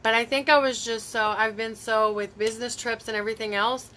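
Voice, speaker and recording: A woman's voice: fairly high pitch, steady tone, a little fast, pushed and bright. A woman, chatting casually on a live stream from home into her phone, rambling and reacting to viewer comments. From Tennessee. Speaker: beauty vlogger hosting a live stream.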